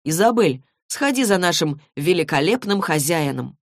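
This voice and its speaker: A sarcastic young man who sneers at everyone around him, read by a woman in an audiobook. The voice stays low and near her own. The recording is dry and close. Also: animated, moderate pace, no room sound. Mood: mocking. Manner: mocking, sneering.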